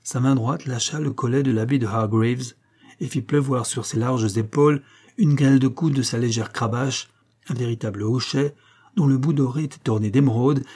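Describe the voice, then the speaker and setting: A man narrating a classic novel in measured, scripted storytelling. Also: mid-range voice, mellow, husky. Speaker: audiobook narrator.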